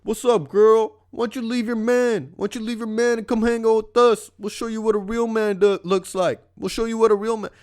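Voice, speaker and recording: A man's voice: high-pitched, flat delivery, fairly quick, few pauses, darkish tone, voice pushed up, lightly acted. A man doing a brash, leering catcaller. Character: rowdy young man catcalling a passing woman.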